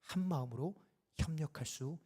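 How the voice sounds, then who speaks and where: A man preaching a Sunday sermon as a pastor, building to impassioned loud peaks and falling back to quiet, and acting out the dialogue in his stories. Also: fairly high pitch, normal speed, husky. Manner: acts out quoted dialogue in the telling. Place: church sanctuary.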